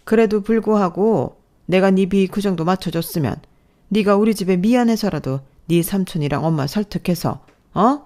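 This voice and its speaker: A woman's voice: medium pitch, moderate pace, warm tone, close to an everyday voice. A woman voicing a snobbish, scornful older mother-in-law who scolds and belittles. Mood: scornful scolding. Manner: contemptuous, scolding.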